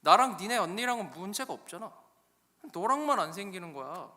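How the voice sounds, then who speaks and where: A man's voice: mid-range voice, animated, takes it slowly, sharp tone. A man acting out a bossy, irritable husband who scolds his wife sarcastically. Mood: indignant. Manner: barking, belittling, sarcastic. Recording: long echo of a church hall.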